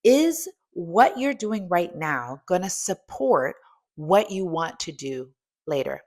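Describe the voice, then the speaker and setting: A strength coach and host in her fifties gives a motivational talk in a lowish, slightly mellow voice with big pitch swings. She speaks slowly and emphatically, putting direct questions to the listener.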